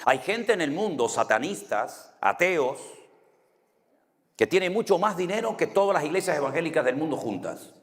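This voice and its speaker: A man's voice: fairly high pitch, sing-song, normal speed. A man from Spain with a Canary Islands accent, a pastor giving a conversational sermon full of anecdotes and asking the congregation "right?" often. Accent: Canary Islands Spanish. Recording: long hall reverb.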